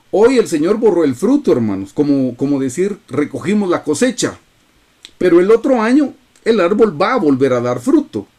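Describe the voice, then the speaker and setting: Man, Bible study teacher on a video call. Mellow, earnest, calls listeners brothers. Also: fairly high pitch.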